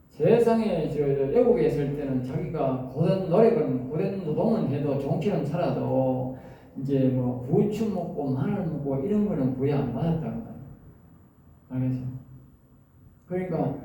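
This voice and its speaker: A man preaching a Bible lecture to a class, often stopping to quiz his listeners with quick questions. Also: fairly high pitch, warm tone. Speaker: preacher teaching at a seminary. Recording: very echoey room, mic far off, faint noise.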